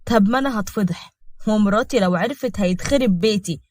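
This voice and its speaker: A woman's voice: medium pitch, quick pace, darkish tone, no echo, natural voice. A woman voicing a hesitant married man, wary of a scheme, in Egyptian Arabic.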